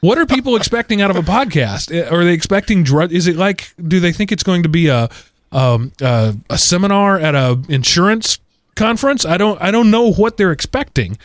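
A man's voice: sits high, sing-song, brisk, no echo. A man hosting a podcast in casual chat, rambling through asides with wry, self-deprecating humor. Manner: rambling, full of asides and restarts. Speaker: podcast host.

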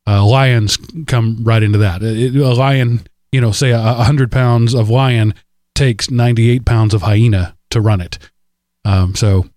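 A man hosting a casual podcast, talking in a rambling, chatty way full of fillers and little laughs. His voice sits at a middling pitch and is recorded close and dry, with no room sound. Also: a little mellow, dry recording. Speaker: podcast host. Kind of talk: casual chat.

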